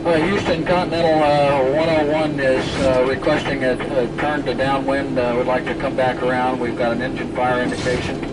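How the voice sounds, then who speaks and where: A man's voice: medium pitch, flat delivery, moderate pace, hardly any pauses, heavy background noise, close to an everyday voice. A man playing an overloaded first officer in a simulator cockpit who reads checklists and radio calls and stumbles under pressure. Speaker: first officer in a training video.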